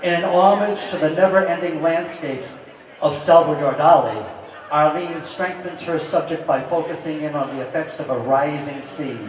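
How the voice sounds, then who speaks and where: A man's voice: on the high side, normal speed. A man presenting artworks at a live auction event in a formal presenter's style. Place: reverberant hall at a live event. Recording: echoey hall, distant microphone.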